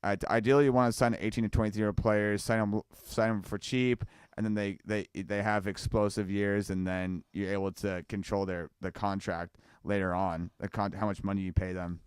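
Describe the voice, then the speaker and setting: A man's voice: lowish voice, level tone, normal speed, hardly any pauses, clean tone, no echo, clean studio sound. A man hosting a casual football podcast, rambling loosely with restarts and asking "you know what I mean?". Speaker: podcast host.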